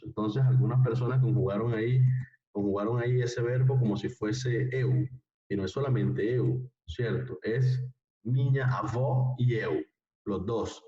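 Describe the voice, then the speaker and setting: A man's voice: mid-range voice, warm tone, reverberant, recorded from a distance, muffled recording. A man teaching an online Portuguese class, patiently repeating phrases and checking with his students as he goes.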